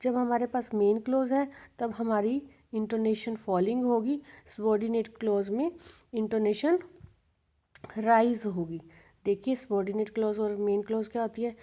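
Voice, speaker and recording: A woman's voice: on the high side, dark tone. A woman teaching English intonation in a patient, explanatory way, going over rules and repeating key points with worked examples.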